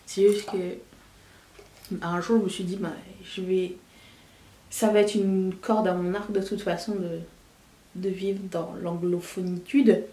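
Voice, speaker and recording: A woman's voice: on the low side, level tone, a little slow, long pauses, dark tone, distant mic. A candid woman in her thirties talks casually to her viewers, chatty and loose, often circling back to restart a thought. Her voice sits back from the microphone. The room around her rings noticeably. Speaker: vlogger. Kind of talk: casual chat to camera. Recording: roomy, voice a bit away from the mic.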